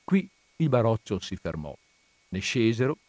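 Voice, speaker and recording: A man reading a classic novel aloud in measured, even scripted narration. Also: lowish voice. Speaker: audiobook reader.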